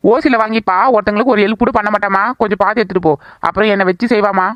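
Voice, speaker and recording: Woman doing a fast-talking young mom. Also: medium pitch, steady tone, dry recording, lo-fi sound, lightly acted. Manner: chatty, gossiping. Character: tired young mother rocking a crying baby. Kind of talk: cartoon voice acting.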